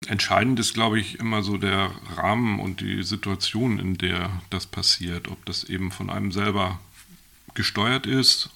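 Give me a man in his sixties with a low, heavily gravelly voice, speaking reflectively. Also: steady tone, pushed and bright. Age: 60s. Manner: measured, reflective. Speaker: podcast guest. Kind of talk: conversational interview answers.

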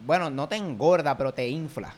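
A young Puerto Rican man co-hosting a casual podcast, joking and explaining things with animated asides. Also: on the high side, a little fast. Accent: Puerto Rican Spanish. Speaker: podcast co-host. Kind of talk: casual chat.

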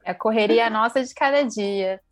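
A woman's voice: on the high side, moderate pace, soft background music. A woman hosting a podcast interview, talking in a friendly, fluent way with frequent tag questions. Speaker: podcast host.

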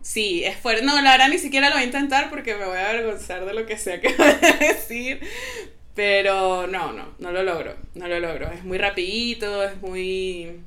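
Her voice is medium-pitched and her pace moderate as this Venezuelan woman, with a Venezuelan Spanish accent, chats casually. She tells lively stories, imitating other people's accents and voices and laughing often.

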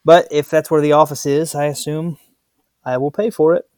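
A young adult man talks casually on a podcast recorded inside a closet. His pitch moves very little, and the sound is close and dry. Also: little pitch movement, moderate pace, a little mellow, no room sound.

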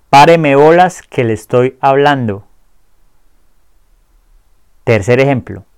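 A man teaching a lesson, speaking clearly and slowly modeling pronunciation for learners to repeat. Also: medium pitch, darkish tone, no echo, clean studio sound. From Colombia. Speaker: Spanish teacher. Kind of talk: language lesson.

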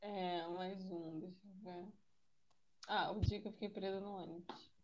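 A young woman from Brazil telling her own mishaps in casual chat, laughing as she goes and trailing off softly. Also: on the low side, fairly even intonation, normal speed. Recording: dull lo-fi with faint noise.

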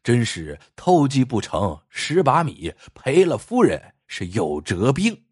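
A man narrating a folk tale as a storyteller, with a husky voice and lively, expressive delivery. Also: medium pitch, takes it slowly, no room sound, clean studio sound.

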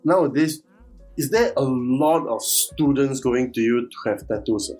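Male podcast host, loose Singlish-style chat, medium pitch, faint music underneath. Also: unhurried, darkish tone. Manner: colloquial Singlish-style English with 'lah' particles.

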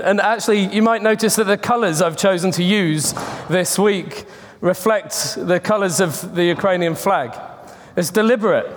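A man preaching an earnest, chatty sermon at a pulpit microphone, often restarting his words. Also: high voice. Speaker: pastor. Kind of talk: conversational sermon. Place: church sanctuary. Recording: long reverb of a church hall.

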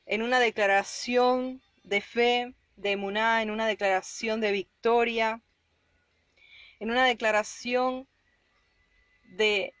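A woman reading a psalm and preaching on it, slow and emphatic, rising on her key points. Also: a little high, no echo. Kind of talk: Bible reading and devotional sermon.

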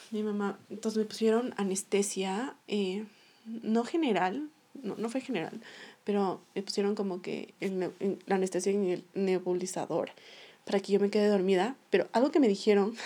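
A woman's voice: medium pitch, mellow. A young woman telling a personal story to her viewers in a casual, chatty way, laughing often. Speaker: vlogger.

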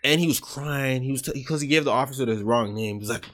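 A man's voice: mid-range voice, fast talker, a bit bright. A man in his twenties co-hosting a podcast, telling stories in a loose, rambling way and swearing casually. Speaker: podcast co-host.

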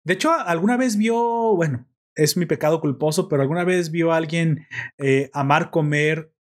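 A man with a voice a little higher than usual holds forth in a casual chat. He is animated and opinionated, and he rambles from one point to the next. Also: normal speed.

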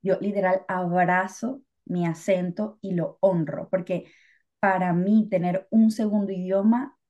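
A woman's voice: lowish voice, fairly even intonation, a little slow, dark tone, highs cut off. A Venezuelan woman co-hosting a podcast, talking in a chatty, reflective way with lots of fillers. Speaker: podcast co-host. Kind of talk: casual podcast chat.

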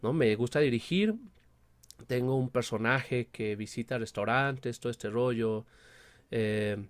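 Appearing as an interview guest, this film producer and director talks casually in a medium-pitched, unhurried voice with no echo. He has a Mexican accent and a speech impediment that stops him from saying the R sound properly, and he explains things while often adding check-in tags.

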